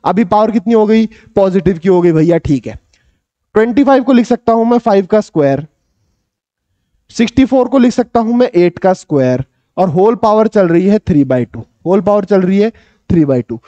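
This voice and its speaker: A young man teaching a maths lesson in an energetic, coaxing tutoring style, repeating questions back to his students and calling himself their big brother. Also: high-pitched, moderate pace, dry recording. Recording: dull, slightly lo-fi dry recording.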